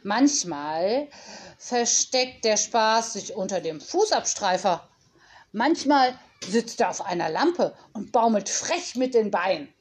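A woman's voice: mid-range voice, expressive, takes it slowly, husky. A playful, cheerful nanny, as a woman reads her. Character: cheerful whimsical female nanny teacher.

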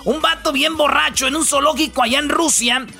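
A man's voice: very high-pitched, fairly quick, vocal fry, sharp tone, faint music behind. Rowdy Mexican male radio host. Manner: rowdy, joking, slangy storytelling with put-on voices. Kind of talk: comedic radio banter.

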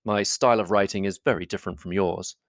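A reader voicing a proud, reserved gentleman in a classic novel audiobook, with measured, formal speech. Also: low voice, steady tone, no echo, studio quality. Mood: cool reserve.

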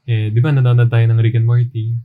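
A man co-hosting a casual podcast, relaxed and laughing often while telling anecdotes. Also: mid-range voice, fairly quick, narrow, tinny audio. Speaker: podcast co-host. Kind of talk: casual storytelling chat.

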